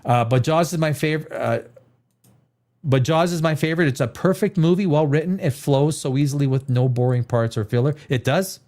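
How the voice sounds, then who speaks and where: Brisk and fairly high-pitched with a darkish tone, this man hosts a livestream from Canada. His film talk is casual and rambling but emphatic and opinionated, with phrases repeated for emphasis.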